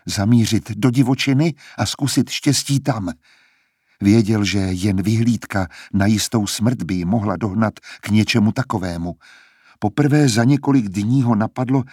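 A man narrating an audiobook in a steady, measured reading voice. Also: fairly low pitch, slightly rough, dry recording, studio quality. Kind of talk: scripted narration.

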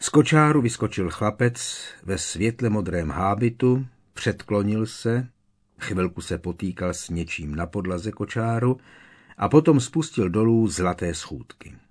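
A man reads a storybook aloud as narrator. His delivery is measured and expressive. The voice sits fairly low. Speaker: audiobook narrator. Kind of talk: scripted narration.

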